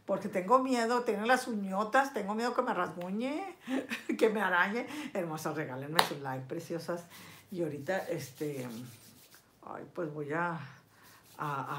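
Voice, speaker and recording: Chatty older woman vlogger. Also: fairly low pitch. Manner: chatty and affectionate, lots of diminutives and endearments. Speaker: vlogger reading viewer comments. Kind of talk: casual live chat.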